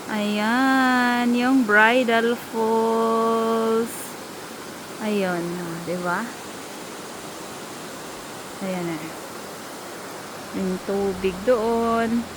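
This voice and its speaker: Giggly high-voiced woman vlogging outdoors. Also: noisy background. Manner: excitable, giggly, exclaims often. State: nervous and shaky on a bridge. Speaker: travel vlogger. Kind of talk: casual vlog narration. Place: outdoors by a waterfall. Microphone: handheld phone. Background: rushing waterfall.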